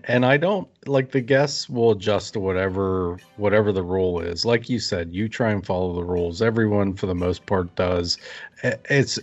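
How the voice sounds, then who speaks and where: Lower-pitched male podcast co-host, measured and hedging, muffled audio. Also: a little mellow. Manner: thoughtful, hedging remarks with frequent laughs. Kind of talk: casual chat.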